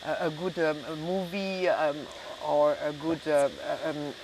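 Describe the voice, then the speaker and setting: Speaking unhurriedly in a low, steady, darkish voice, a middle-aged hotel and restaurant owner chats casually as an interview guest and often gropes for words. She is a native French speaker from Belgium and southern France with a French accent, and the rough recording carries a little hiss or hum.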